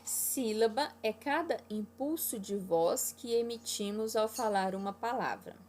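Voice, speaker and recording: A woman's voice: a little high, lively intonation, a little slow, darkish tone. A woman teaching an online class to children, walking them through exercises patiently and checking in often. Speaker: primary school teacher.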